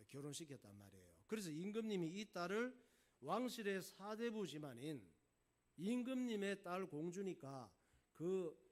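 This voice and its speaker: A male pastor telling a folk tale in a casual, folksy sermon. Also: high voice. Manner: folksy, animated storyteller. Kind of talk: storytelling sermon.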